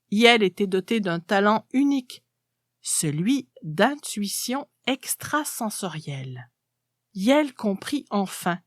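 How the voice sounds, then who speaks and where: A woman's voice: mid-range voice, dry recording. Woman reading a story, dry close sound. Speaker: story narrator. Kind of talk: expressive literary story reading.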